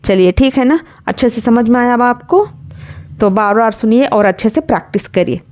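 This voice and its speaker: A woman teaching Quran recitation, spelling out letters and vowel marks one by one and blending them into words, with brisker plain explanations in between. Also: fairly high pitch, darkish tone, dull audio. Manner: explains quickly in a conversational teaching tone. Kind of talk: slow syllable-by-syllable spelling drill.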